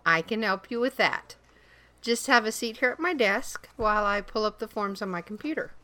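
A woman's voice: medium pitch, lively intonation, moderate pace, pushed and bright, no room sound. A woman playing a cheerful, unflappable school receptionist who talks in a chirpy, friendly way.

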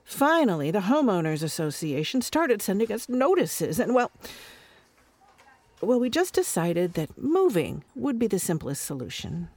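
A woman's voice: medium pitch, big pitch swings, unhurried, darkish tone, no echo. A woman playing a prim, weary mother who coaxes her difficult daughter with patient, careful talk.

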